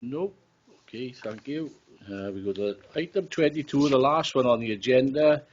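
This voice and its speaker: Formal Welsh mayor chairing. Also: male voice, mid-range voice, moderate pace, darkish tone, slight background noise. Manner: brief, formal. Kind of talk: chairing a council meeting. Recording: distant dull chamber mic.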